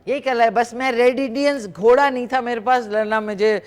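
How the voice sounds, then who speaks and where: A woman's voice: a little high, fairly even intonation. A woman hosting a live morning show, chatting and teasing callers while she cooks in a studio kitchen on a lapel mic. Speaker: morning show host and cooking presenter. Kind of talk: live TV chat and cooking demonstration.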